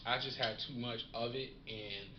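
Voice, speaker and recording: A relaxed man in a casual slangy vlog, savoring and reviewing what he smokes. His voice sits at a middle pitch in a roomy space. The recording is dull and lo-fi with a faint hiss underneath. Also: normal speed. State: smoking while talking. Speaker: cannabis reviewer.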